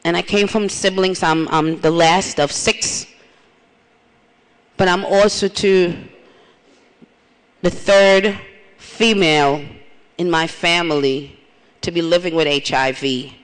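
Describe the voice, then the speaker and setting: A middle-aged woman from Trinidad gives an earnest, testimonial plenary speech in a large conference hall, repeating phrases. Her low-ish voice is steady and slow, with long pauses, and the hall's reverberation is audible.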